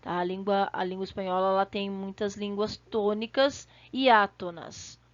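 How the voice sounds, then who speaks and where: A woman with a Brazilian Portuguese accent teaching Spanish, repeating example phrases slowly and checking in with her class. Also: mid-range voice, steady tone, no room sound, dull audio. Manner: slow, deliberate, repeats example phrases for pronunciation, checks in often. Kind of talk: online language lesson.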